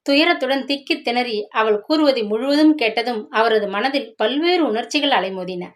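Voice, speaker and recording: A woman narrates a serialized story in a measured, expressive style. Her voice sits slightly high. The reading is steady and scripted.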